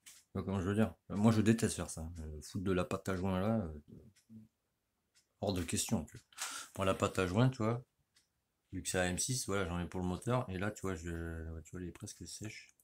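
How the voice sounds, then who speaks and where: A middle-aged man with a deep, low voice gives a loose, slangy walk-through as he works on an engine in his garage. He rambles, restarts phrases and keeps checking in with the listener. Faint clicks and tool noises sit in the background. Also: normal speed, darkish tone, slight background noise. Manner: rambling and slangy, saying "tu vois" constantly. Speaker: motorcycle mechanic. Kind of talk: casual workshop how-to talk.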